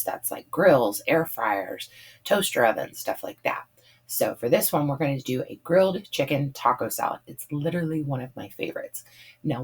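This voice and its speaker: A woman, hoarse from talking a lot, chatting casually through a budget meal plan with plenty of ums and likes. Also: a bass voice. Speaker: budget meal planning vlogger. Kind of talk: casual voice-over.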